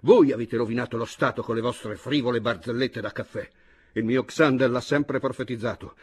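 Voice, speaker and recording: A man voicing a hot-tempered, embittered male aristocrat who rants and shouts in an audiobook reading. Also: medium pitch, breathy edge. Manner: shouting, explosive.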